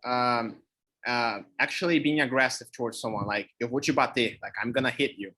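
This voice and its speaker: Brisk and sharp-toned, his voice mid-range, a young native Brazilian Portuguese speaker co-hosts a lesson on expressions, chatting casually in English with a Brazilian accent. He works through his thoughts aloud, reaching for words as he goes.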